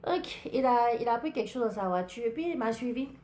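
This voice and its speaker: A woman with an African French accent and a fairly high voice tells a personal story on her podcast. She talks in a casual, chatty way and keeps turning to her listeners as if they were friends in the room. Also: a little fast, a little hiss or hum. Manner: chatty, talks straight to listeners, lively retelling. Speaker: podcast host.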